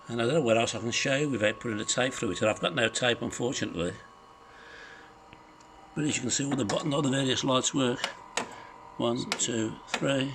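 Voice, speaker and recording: Speaking a little fast in a mid-range, slightly bright voice, a man casually demonstrates something he's selling, rambling and hesitant with no script. He films indoors in his apartment living room on a handheld phone from behind the camera, and a little hiss or hum runs through the audio.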